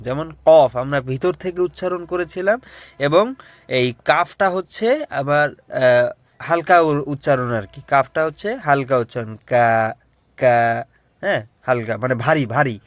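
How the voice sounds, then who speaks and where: A man teaching the Arabic alphabet, slowly repeating each letter sound for learners to copy. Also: medium pitch, dry recording. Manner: slow, repetitive drilling of sounds. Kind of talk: alphabet lesson.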